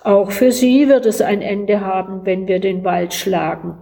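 A woman reading the lines of a calm, worldly old lord in a Christmas story, measured and gently urging. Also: mid-range voice, creaky.

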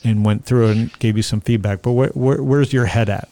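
Gravelly, mellow-voiced rambling interviewer man. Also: mid-range voice, a little fast, dry recording. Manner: rambling, loose questions with restarts. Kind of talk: casual interview chat.

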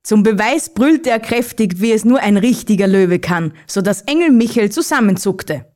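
A woman narrates a children's Christmas story in a calm, even voice. She reads steadily, at a mid pitch, like a host of a kids' advent audio series. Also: moderate pace. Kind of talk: reading a children's story aloud.

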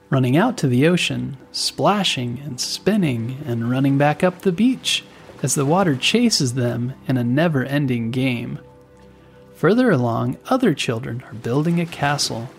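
A man narrating a scripted guided relaxation in a soothing, unhurried way, with pauses between phrases. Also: mid-range voice, creaky. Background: music bed.

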